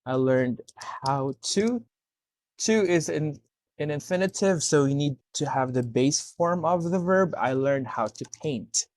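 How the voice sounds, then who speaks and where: Unhurried and expressive, this male English tutor speaks in a higher, darkish-toned voice during a one-to-one speaking lesson. He breaks down corrections step by step and keeps checking comprehension with "okay?".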